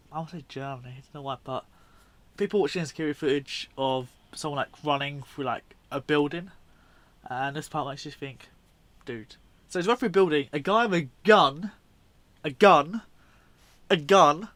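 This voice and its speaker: A man's voice: on the high side, a bit bright. A man giving casual, unscripted commentary on video clips in a rambling, informal way, often correcting himself. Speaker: video host.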